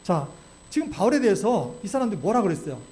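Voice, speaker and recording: A male pastor preaching a sermon in a church, animated and constantly checking in with the congregation through rhetorical questions. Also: high-pitched, fast. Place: church sanctuary.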